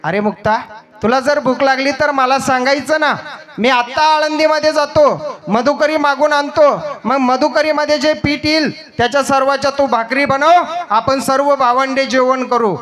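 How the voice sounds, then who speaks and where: A man's voice: extremely high pitch, fairly even intonation, moderate pace. A man voicing a young elder brother who earnestly comforts his little sister. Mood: reassuring.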